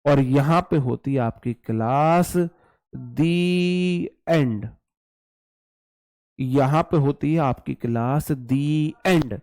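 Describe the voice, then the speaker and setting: Slow, repetitive man teaching English. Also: mid-range voice, a little mellow, no echo, studio quality. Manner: slow, repetitive, drills words aloud; casual, speaks to students as brothers. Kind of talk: online exam-prep class.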